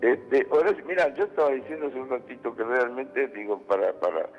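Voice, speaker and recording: A man's voice: mid-range voice, fairly quick. A man with an Argentine accent, a journalist guest calling in by landline phone and speaking emphatically, repeating his points. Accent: Argentine Spanish. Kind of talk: phone interview. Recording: muffled phone line with music.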